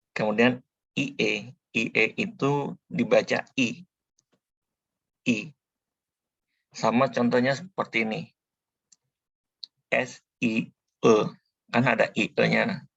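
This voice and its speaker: A male language teacher speaks in a slow, unhurried tutorial voice that is low and gravelly with a husky edge. His delivery is flat, and he patiently repeats each sound. The recording is dry, a little dull, and has no echo.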